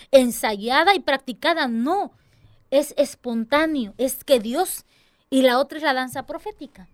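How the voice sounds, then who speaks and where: A young woman with a high, bright-pitched voice talks earnestly about serving in her church's tambourine dance ministry. She speaks expressively and slips into little voices when quoting others. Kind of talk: casual church talk interview.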